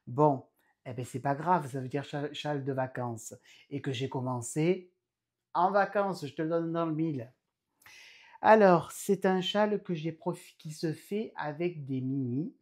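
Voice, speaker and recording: A man's voice: on the high side, a little slow. A man hosting his own knitting podcast indoors at home, chatting casually and rambling with frequent hesitations. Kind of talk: casual chat.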